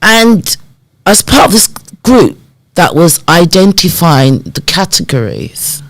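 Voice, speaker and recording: A woman in her fifties tells her story as a podcast guest, her pitch swinging up and down as she plays out old conversations. Her voice is recorded close and dry, with no room around it. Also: takes it slowly, dry recording, poor audio. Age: 50s. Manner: animated storyteller who acts out remembered dialogue. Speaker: podcast guest, community development worker. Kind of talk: personal storytelling in a podcast interview.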